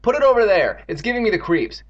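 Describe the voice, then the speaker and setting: A man voicing a young girl from a story, teasing, brisk and unimpressed, in a dull recording. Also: high voice, big pitch swings, voice pushed up. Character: teasing, matter-of-fact young girl, the boy's friend. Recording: dull, muffled lo-fi sound.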